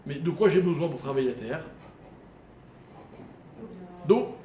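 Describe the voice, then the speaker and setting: A man's voice: a little high, animated, a little slow, warm tone. A man teaching a live Torah lesson, explaining Hebrew grammar step by step and quizzing his listeners. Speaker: rabbi teaching a Torah class. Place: room with a small live audience. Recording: echoey room recording with faint noise.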